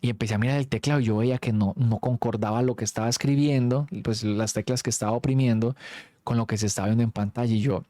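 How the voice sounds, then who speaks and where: A man's voice: medium pitch, quick pace, dry recording. A young man with a Colombian accent telling a school anecdote casually to his stream, close to the mic, acting out his friends' lines. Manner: animated, slangy, acts out quoted friends.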